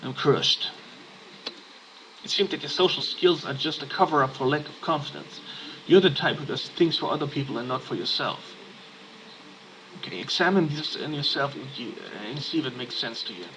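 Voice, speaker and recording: A man's voice: medium pitch, normal speed, a bit bright, slight background noise, poor audio. Casual man reading a text game. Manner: casual, muttering asides and fillers. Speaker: let's play gamer.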